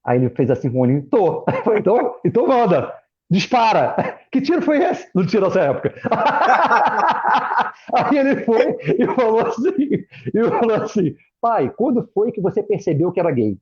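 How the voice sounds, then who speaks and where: A middle-aged Brazilian man, a former pastor appearing as a guest in a relaxed chat, tells personal stories at normal speed and animatedly acts out his children's and family members' voices in quotes. His voice is high and slightly husky, and the muffled, lo-fi audio sounds like a live-streamed call.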